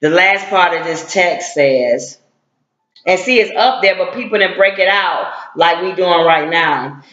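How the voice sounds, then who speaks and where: A man's voice: sits high, a little slow, sharp tone. Brash confrontational activist man, echoey room. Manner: blunt, confrontational, slangy. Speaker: civil rights activist. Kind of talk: heated online rant. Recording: echoey, dull lo-fi sound.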